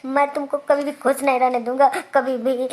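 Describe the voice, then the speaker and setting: A heartbroken, vengeful village man from a cartoon comedy, voiced by a performer, speaking with an Awadhi accent. The voice sits high and keeps breaking into stammers, tearful threats and insults. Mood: ranting.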